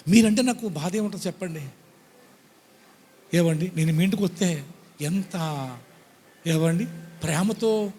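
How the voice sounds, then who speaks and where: A man preaching a sermon as pastor, pleading and emphatic, swinging between loud bursts and soft asides. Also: sits high, slightly rough. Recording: long hall reverb.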